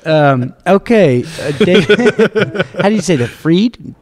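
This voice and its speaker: A man's voice: sits high, animated, slow. Joking male podcast host, echoing room. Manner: joking, laughs often, reads listener questions. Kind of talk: casual podcast chat.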